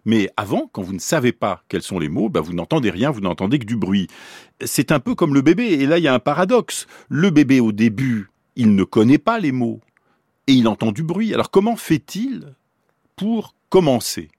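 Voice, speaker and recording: A man's voice: mid-range voice, very animated, moderate pace, a little mellow, husky, no room sound, studio quality. A man explaining how babies learn words in a radio science talk, posing questions to the listener as he goes. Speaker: neuroscientist explaining the brain.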